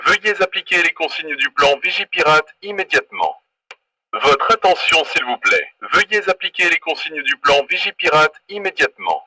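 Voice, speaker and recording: A man's pre-recorded emergency announcement played through an alarm loudspeaker, giving slow, insistent, repeated safety instructions in a formal tone. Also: a little high, lively intonation, breathy edge. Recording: distant, thin loudspeaker playback.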